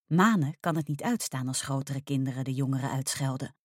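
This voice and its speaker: A woman reading a children's story aloud with expressive narration. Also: extremely low pitch, a little fast, dry recording, studio quality. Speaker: reader.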